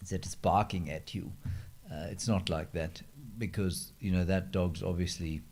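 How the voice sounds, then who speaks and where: A man's voice: sits low, a little mellow. A man hosting a casual live question-and-answer chat, holding a handheld microphone and talking with dry, self-mocking humour. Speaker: host.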